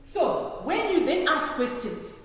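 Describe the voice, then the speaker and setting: A woman with a fairly high voice teaches a class in lecture style. She explains point by point and keeps checking that listeners follow. The sound is very echoey, recorded from well back in a large room with faint noise. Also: big pitch swings. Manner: explanatory, often pausing to check understanding. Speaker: lecturer teaching trainee early childhood teachers. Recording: very echoey hall, distant mic, faint noise.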